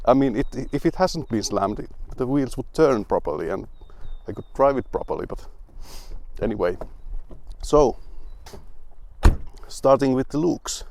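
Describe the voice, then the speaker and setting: A man's voice: mid-range voice, lively intonation, unhurried, creaky, a little mellow. A young man giving a casual car review, dry and wry, rambling with restarts and grumbling asides.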